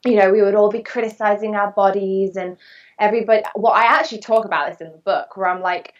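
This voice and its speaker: A woman's voice: mid-range voice, fairly even intonation, fast talker. A woman telling her story as a podcast guest, speaking in an earnest, fluent and reflective way. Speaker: podcast guest, actress and body-image coach. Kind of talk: candid personal storytelling. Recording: distant, dull remote recording.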